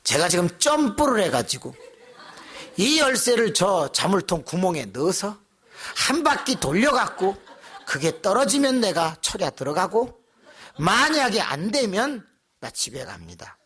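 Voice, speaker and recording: A man voicing a plucky elderly praying mother who exclaims bluntly and loudly. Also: high-pitched, sing-song, a little slow, breathy edge, voice pushed up, heavily acted. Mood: determined. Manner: loud exclaiming, blunt and bold.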